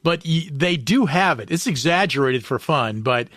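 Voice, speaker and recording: A man co-hosting a podcast interview, friendly and enthusiastic, quick to laugh. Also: fairly high pitch, expressive, background noise. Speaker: podcast co-host.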